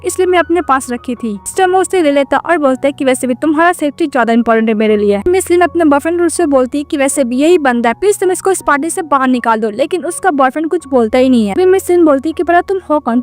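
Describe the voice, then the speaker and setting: A woman narrating a casual recap of a drama story in a rapid, running retelling sprinkled with English words. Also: high voice.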